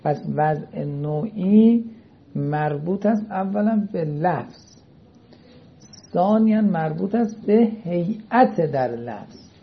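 Guy teaching a class, keeps asking if students get it, muffled lo-fi recording, a bit higher voice. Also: animated, husky. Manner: checks understanding with frequent questions. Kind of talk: seminary-style lecture. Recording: dull lo-fi recording.

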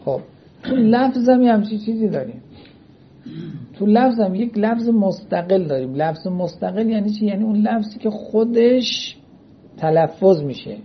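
A man teaches a seminary-style lecture class, frequently asking whether his students are following along. His voice sits high and sounds animated. The recording is dull and lo-fi, with slight background noise.

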